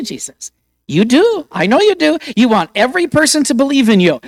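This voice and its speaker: Sly, wheedling devil voiced by a male preacher, high and lively, dry room. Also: no room sound, exaggerated voice. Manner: wheedling, coaxing, daring.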